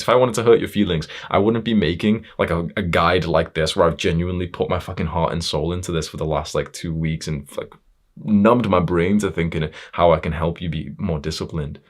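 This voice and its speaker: A man with a very low voice delivers a hard-edged motivational monologue. He talks straight at the listener, swearing freely and pushing harder as he goes, tripping over fillers and restarts along the way. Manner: blunt, confrontational, heavy swearing; fillers and self-restarts, building intensity. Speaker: motivational speaker.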